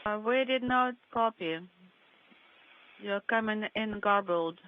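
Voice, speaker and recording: A woman's voice: medium pitch, takes it slowly. Woman interpreting over a crackly comms loop. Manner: clipped, procedural radio phrasing. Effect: narrow, noisy comms line breaking up. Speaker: interpreter on a space mission audio loop. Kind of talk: live consecutive interpreting of radio calls. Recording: tinny, hissy comms loop.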